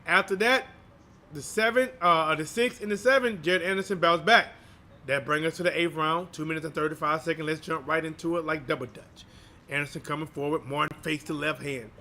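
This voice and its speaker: Bright, high-voiced man calling boxing live. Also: fairly even intonation, a little fast, a little hiss or hum. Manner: slangy, informal, chatty with viewers. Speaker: boxing livestream commentator and channel host. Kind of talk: live boxing play-by-play commentary.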